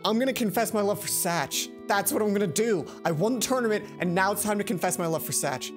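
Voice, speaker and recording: Music accompanies a woman's animated, quick, medium-pitched voice as she hosts a let's play. She reads a visual novel out loud and tosses in playful, chatty asides.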